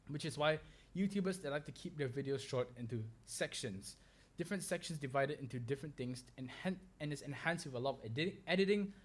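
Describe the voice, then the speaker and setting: A young man hosting a solo podcast, rambling with fillers and restarts as he talks. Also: medium pitch. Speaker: podcast host.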